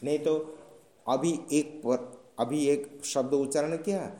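Slow, mellow-voiced male teacher in an echoing room. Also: on the high side, fairly even intonation. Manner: slow, patient explaining with frequent checking questions. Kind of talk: classroom lecture on Sanskrit grammar. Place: classroom. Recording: roomy echoing room sound.

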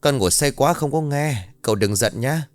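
A man's voice: mid-range voice, animated, moderate pace, no echo, soft background music, pitched above the performer's own voice, natural voice. A man voicing a bored young nephew who speaks politely and pleads with his elders. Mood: pleading.

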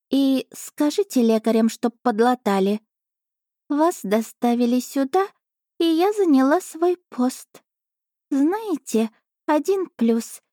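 A woman voicing a haughty, gluttonous female cat familiar who speaks in an indignant, drawn-out, self-important way. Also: sits high, mellow, dry recording, studio quality, voice pushed up.

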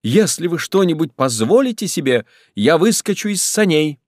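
A frightened young woman cries out in a raised, strained voice, urgent and indignant, as a male reader puts her on. Her lines sit well above the reader's usual pitch and come in a dry, close recording. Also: sing-song, moderate pace, no room sound. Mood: alarmed.

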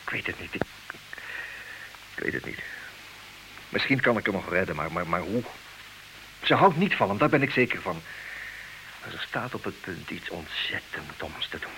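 A man with a low, gravelly, sharp voice acts in an old Dutch radio play as a betrayed husband aware of his wife's infidelity, hesitant and resigned, stammering and repeating himself. His delivery is animated and exaggerated, at normal speed with long pauses, and the mood is brooding. The recording is rough, with slight background noise.

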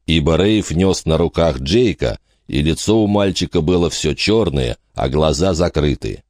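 Deep-voiced man reading dramatically. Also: animated, moderate pace, darkish tone, no echo, clean studio sound. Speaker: audiobook narrator. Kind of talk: scripted narration.

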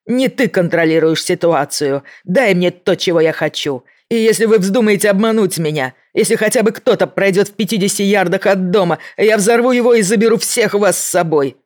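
A reader voicing a desperate, unhinged man who has a bomb and shouts threats down the phone. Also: medium pitch, moderate pace, voice pushed up, close to an everyday voice. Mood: threatening. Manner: shouting, hissing, voice breaking. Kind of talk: audiobook character voice.

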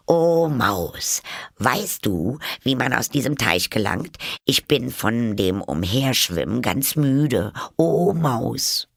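A man's voice: mid-range voice, very animated, slow pace, creaky, no room sound, clean studio sound, voice pushed up, exaggerated voice. A man reading aloud and voicing a polite, curious young girl who rambles eagerly and keeps apologizing.

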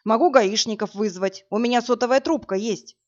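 A big, brash young man talks loudly and casually in slang, put on by a woman reading an audiobook. The voice sits at a middle height. The recording is dull and lo-fi. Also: on the high side, normal speed, close to an everyday voice. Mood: concerned. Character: burly brash young man, rough but kind.

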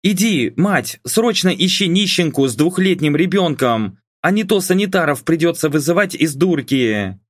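A man voicing a sharp-tongued young woman who teases and mocks her mother, in an audiobook reading. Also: deep voice, expressive, normal speed, few pauses, voice pushed up. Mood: mocking. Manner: mocking, teasing.

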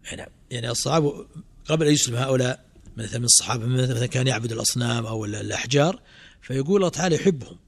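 A man's voice: mid-range voice, rapid-fire, husky. A middle-aged man teaching a religious text in class, quizzing students with rhetorical questions and fillers. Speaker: sheikh teaching a creed commentary.

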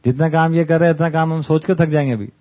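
A man's voice: a little high, steady tone, fast talker. A man giving a conversational talk to a study group, often checking in with little tag questions. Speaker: camp speaker. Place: camp hall with an audience. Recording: tinny phone-like sound.

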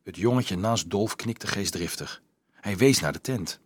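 Male audiobook reader, husky, animated delivery, dry booth sound. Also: on the low side, measured pace, dry recording. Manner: expressive storytelling. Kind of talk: scripted audiobook narration.

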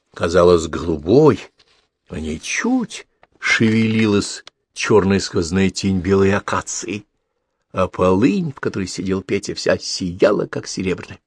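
A man reading an audiobook as narrator, expressive and storytelling. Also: deep voice, breathy edge, no echo. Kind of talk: scripted narration.

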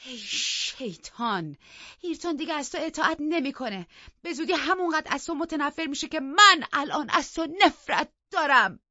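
A woman's voice: lowish voice, animated, breathy edge, dry recording, lo-fi sound, full character voice. A woman playing a defiant bold young woman. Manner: defiant, taunting.

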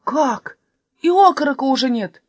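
Kasper, a woman doing a loud bossy robber. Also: high voice, lively intonation, moderate pace, no echo, voice pushed up. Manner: exclaiming, shouting. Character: loud bossy male robber, quick to anger.

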